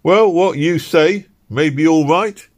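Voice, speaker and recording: A man voicing a brusque, suspicious night constable who questions a stranger, raised well above his own reading pitch and louder. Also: slow. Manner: brusque, interrogating. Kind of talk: audiobook character voice.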